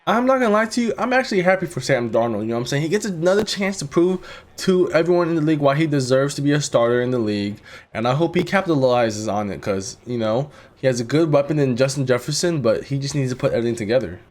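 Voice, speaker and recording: A young man casually commentating a football video game simulation, laid-back and rambling, swearing freely, with sudden excited jumps. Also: medium pitch, fast. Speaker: gaming commentator.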